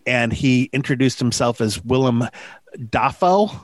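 A man's voice: medium pitch, normal speed, no echo. A man hosting a podcast, chatting in an upbeat way and laughing often. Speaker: podcast host. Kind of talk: casual podcast chat.

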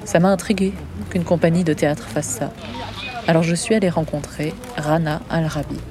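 A woman narrating a documentary as its journalist, telling the story in a calm, measured way. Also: deep voice, background noise.

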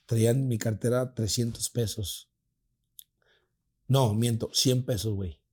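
A man with a Mexican Spanish accent telling a personal story in casual chat, animated and swearing freely, acting out the voices of people in it. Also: mid-range voice, unhurried, breathy edge.

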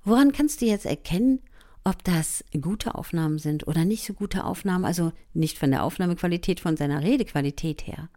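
Speaking a little fast in a fairly low voice, this woman coaches the listener through a voice lesson. She's encouraging and direct, with the occasional quiet aside.

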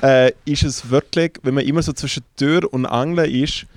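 A young man with a Swiss German accent jokes about himself in a flat, deadpan way. His voice sits in a middle register. The sound is dry and close to the mic. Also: mid-range voice, normal speed, no echo. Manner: self-mocking, deadpan jokes. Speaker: podcast co-host. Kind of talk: casual banter.

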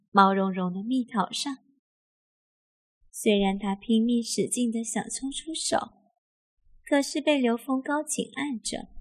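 A woman narrating a scripted erotic story in a slow, even reading voice. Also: medium pitch.

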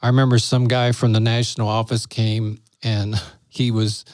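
Middle-aged man, pastor guest, animated storyteller who laughs easily and acts out dialogue; dry, close sound. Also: mid-range voice, normal speed, dry recording. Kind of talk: casual storytelling conversation.

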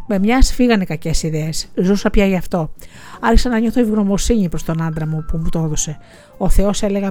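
A woman voicing a grieving, bitter widowed village schoolteacher in an audiobook, speaking in a quiet confessional way. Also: medium pitch, natural voice. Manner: quiet confessional, tearful, resentful. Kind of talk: audiobook reading.

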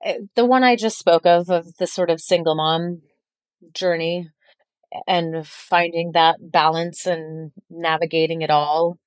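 A woman's voice: on the low side, fairly even intonation, measured pace, clear, resonant tone, no room sound. A woman in her forties, a chef, speaking as a guest in a podcast interview, earnest and reflective and often restarting a phrase. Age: 40s.

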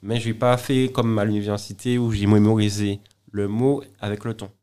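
Guy chatting in an interview, low-ish voice, keeps repeating words, trips over himself a lot. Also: steady tone, moderate pace, dark tone, clear, resonant tone. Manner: hesitant, many repeated words and restarts. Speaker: interview guest. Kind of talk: casual conversation.

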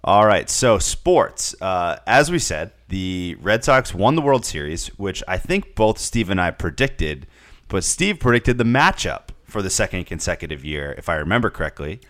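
Man, deep voice, podcast co-host, rambling sports chat, lots of fillers, dry close sound. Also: very animated, normal speed, fairly bright tone, no room sound. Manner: rambling, repeats words, many fillers.

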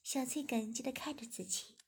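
A woman narrates a story in a steady, even reading voice. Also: sits high, moderate pace, vocal fry, slightly rough. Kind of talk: scripted narration.

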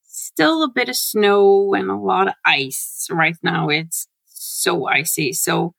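Chatty woman with a gravelly edge. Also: medium pitch, no echo. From Norway. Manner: animated, laughs often, quick bursts. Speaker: guest, CRM consultant. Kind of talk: casual interview chat. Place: home.

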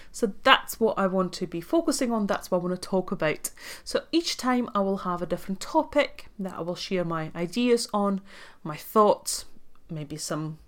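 With a mid-range voice, this Latvian woman in her thirties runs a solo podcast as host and life coach. She's a native Russian speaker whose English shows a Latvian accent touched by Scottish, and her manner is earnest and chatty, full of ums.

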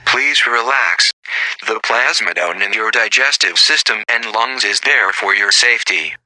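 A man putting on a slow, monotone pod computer voice. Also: on the low side, no room sound, poor audio. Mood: announcing. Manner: slow, flat, calmly insistent announcements.

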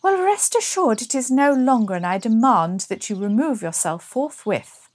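A prim young lady of the manor, as a woman puts her on, speaks in a high, lilting, plummy voice. She sounds breathy and genteel, like a lady in a period-drama spoof. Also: sing-song, unhurried, a little mellow. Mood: haughty.

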